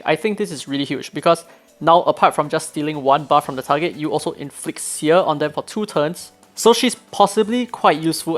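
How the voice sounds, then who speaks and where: A gaming video creator with a hoarse, slightly high voice reads out a game's patch notes, then cuts in with his own eager opinions.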